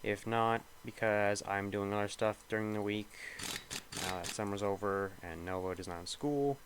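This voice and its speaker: A young gaming video creator narrates his gameplay in casual commentary, rambling and thinking out loud with lots of hesitation. His voice is slightly low and a bit nasal, with a steady tone at a normal speed. A faint hum sits in the background.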